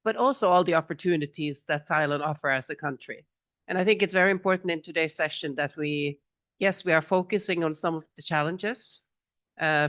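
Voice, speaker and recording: This is a middle-aged woman with a low voice, talking into a handheld mic at a conference. She sounds relaxed and chatty, with little laughs and restarts, and the sound is dry and close. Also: no room sound. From Norway. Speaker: business association representative and panelist. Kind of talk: informal panel talk at a conference. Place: conference hall, on stage. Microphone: handheld microphone.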